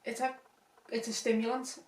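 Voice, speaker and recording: Podcast co-host, woman, animated and giggly; slightly high voice, mic at a distance. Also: moderate pace. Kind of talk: casual chat. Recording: roomy, from a distance.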